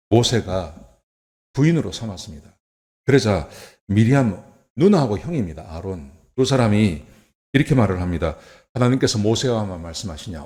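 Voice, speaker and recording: Low-voiced Korean pastor preaching. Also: male voice. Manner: conversational preaching with rhetorical questions, swings from soft to emphatic. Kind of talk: sermon. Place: church.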